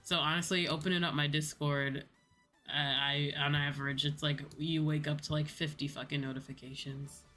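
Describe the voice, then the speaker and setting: Over background music, a VTuber chats with her livestream viewers in a loose, rambling way, swearing casually. Her voice is low with a flat delivery, fairly bright in tone, at a moderate pace.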